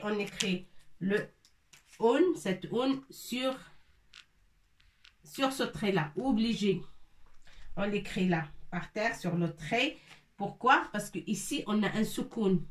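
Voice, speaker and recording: An Arabic teacher with a fairly high, fairly bright voice gives a slow explanatory lesson in French mixed with Arabic terms. She speaks patiently, repeats each word and checks that her listeners are following. The room is echoey and she sounds distant.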